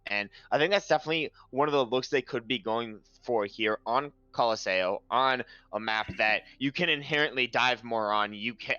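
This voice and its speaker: A man calling a live esports match into a headset, his voice bright and forward with a dry, close sound. He talks fluently and picks up energy as he runs through the picks and the score. The delivery has the sharp edge of play-by-play commentary. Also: medium pitch, no room sound, lo-fi sound. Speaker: esports caster.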